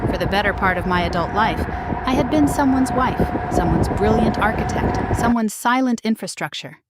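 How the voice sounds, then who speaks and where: A woman in her fifties narrating a scripted first-person story in a measured, reflective way. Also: medium pitch, no echo, studio quality.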